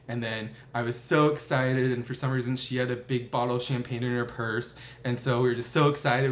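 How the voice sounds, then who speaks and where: A young man in his twenties rambles through a casual show-and-tell, full of "like" fillers and mid-sentence restarts. His voice sits at an ordinary middle pitch and carries a noticeable room echo. A faint ambient hum runs underneath. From United States. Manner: chatty, rambling, lots of "like" fillers and self-corrections. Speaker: vlogger. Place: indoors at a table in a room.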